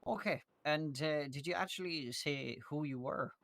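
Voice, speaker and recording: A man's voice: fairly high pitch, normal speed, creaky, fairly bright tone, dry recording, studio quality. A man playing a polite but probing questioner of a police officer in an improvised game role-play, phrasing things hesitantly. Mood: probing, doubtful.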